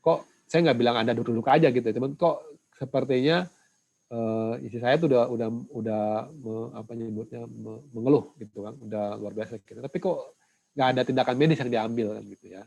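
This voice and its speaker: A male lecturer explaining and telling a story in an online class, halting with frequent fillers and getting animated as he recounts it. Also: medium pitch, vocal fry, husky, rough recording. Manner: halting, many "eh" fillers and tag "ya".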